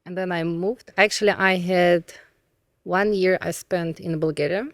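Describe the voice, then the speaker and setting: A woman's voice: fairly low pitch, steady tone, a little slow, dry recording. A woman from southern Russia with a Russian accent, a podcast guest giving short, dry, blunt answers in casual chat.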